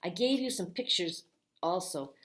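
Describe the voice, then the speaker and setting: A woman's voice: on the low side, expressive, moderate pace, a little hiss or hum. A woman librarian giving a friendly, step-by-step craft tutorial for kids. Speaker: children's librarian.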